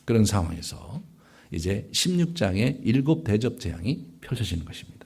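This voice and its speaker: A man preaching a Bible lecture as a pastor, animated and full of rhetorical asides. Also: fairly quick, slightly rough. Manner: animated, rising and falling sharply in pitch and loudness, rhetorical "예?" asides.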